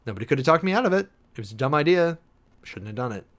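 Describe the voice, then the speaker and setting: A live streamer hosts a political commentary show, talking very fast and very animatedly in a slightly high voice. He's informal, opinionated and emphatic, often repeating phrases to drive points home.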